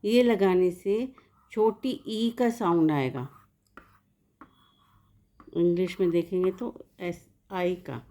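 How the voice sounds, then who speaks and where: In this slow spoken lesson, a woman language teacher goes patiently word by word, offering the meaning of each. She has a lowish, dark-toned voice, speaks slowly, and leaves long pauses.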